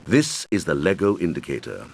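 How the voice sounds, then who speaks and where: A man with an extremely low, sing-song, heavily acted voice speaks at a moderate pace as a helpful video game guide character. In scripted instructional lines, he patiently and clearly explains things to young players.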